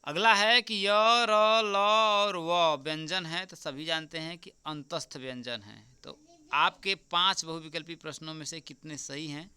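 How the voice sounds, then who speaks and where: A man teaching as an exam tutor, going through a paper answer by answer, repeating the key answers slowly and often checking with "right?". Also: on the high side, steady tone, pushed and bright, smooth. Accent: Hindi. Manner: repeats answers slowly, keeps asking "ठीक?"; addresses viewers as friends.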